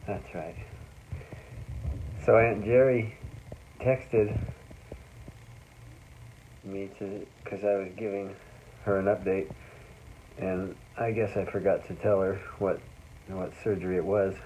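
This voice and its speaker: A man's voice: deep voice, level tone, slow pace, long pauses, dark tone, muffled recording. A middle-aged man chatting casually and telling an anecdote in a home video. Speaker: husband of the vlogger. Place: bedroom at home. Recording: slightly noisy home phone recording.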